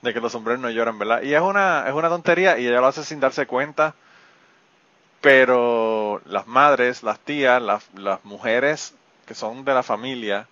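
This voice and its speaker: A man's voice: medium pitch, a little slow, pushed and bright, dry recording, highs cut off. A man hosting a podcast interview, talking frankly and reflectively and swearing casually. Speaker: podcast host. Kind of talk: candid interview chat.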